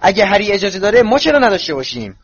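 A man voicing a hot-headed teenage boy in a storybook reading, speaking in a heated, loud way. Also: high-pitched, big pitch swings, slightly rough, pitched above the performer's own voice, full character voice. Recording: dull lo-fi recording.

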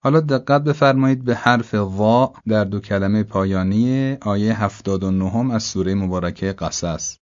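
Low smooth-voiced man teaching pronunciation. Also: darkish tone, no echo, lo-fi sound. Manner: patient and precise, models words slowly. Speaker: Quran recitation teacher. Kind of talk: pronunciation lesson.

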